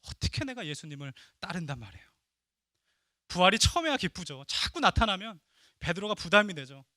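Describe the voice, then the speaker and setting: Animated high-voiced male pastor preaching. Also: dry recording, studio quality. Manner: animated, swings from loud emphatic to hushed asides. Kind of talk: sermon. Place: church sanctuary.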